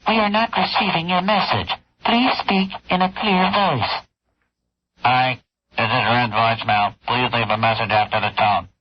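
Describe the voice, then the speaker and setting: A flat, repetitive recorded voicemail prompt on a dull radio aircheck. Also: medium pitch, moderate pace, pauses often, slight background noise, natural voice. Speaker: voicemail greeting.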